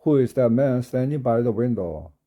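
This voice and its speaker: A man teaching an English grammar lesson, explaining slowly and repeating English phrases word by word. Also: medium pitch, lively intonation, lo-fi sound.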